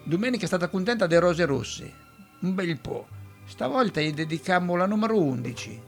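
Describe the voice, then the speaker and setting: A man's voice: sits high, animated, soft background music. A man hosting a casual local radio show with an Ancona accent, joking with callers and reading letters and dialect verse aloud. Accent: Ancona dialect, Marche. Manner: jovial, teasing, reads verse slowly and warmly. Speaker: radio host.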